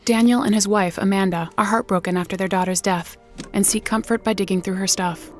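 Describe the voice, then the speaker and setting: A woman narrates a scripted TV recap with a slightly low voice. She is flippant and slangy, delivering it as comedy, with music clearly playing behind her. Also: steady tone, a little fast. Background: music bed.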